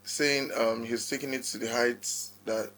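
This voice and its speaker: A man's voice: mid-range voice, fairly even intonation, a little slow, a bit bright, slight background noise. A man with a Nigerian accent co-hosting a podcast in casual chat, readily agreeing with the others. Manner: agreeable, often affirming others. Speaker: podcast co-host.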